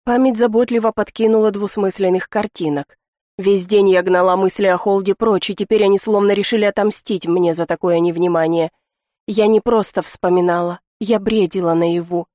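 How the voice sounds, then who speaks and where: Woman, audiobook narrator, first-person reading, measured and intimate, mid pitch, dry close mic. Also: steady tone, warm tone, no room sound.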